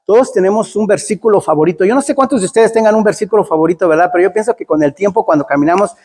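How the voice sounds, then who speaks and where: A man's voice: high-pitched, rapid-fire, a little mellow. A man preaching a sermon in a church, chatty and storytelling, often asking "right?". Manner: conversational, storytelling with frequent "¿verdad?". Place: church hall. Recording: long hall reverb.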